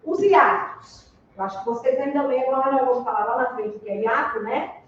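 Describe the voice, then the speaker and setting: A Brazilian woman teaching a Portuguese grammar class, slow and deliberate, spelling out letters and checking with her students. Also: high-pitched, a little hiss or hum. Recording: echoey room, distant mic, dull sound.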